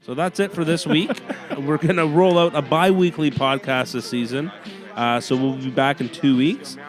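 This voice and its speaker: A man whose voice sits on the high side and stays steady co-hosts a casual hockey podcast from a home room, with soft music in the background. He runs through player stats in a quick list and often bursts out laughing.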